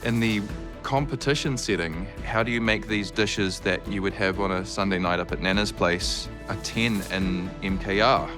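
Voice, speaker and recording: A New man giving a measured interview aside as a dinner guest on a cooking show. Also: on the low side. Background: background music.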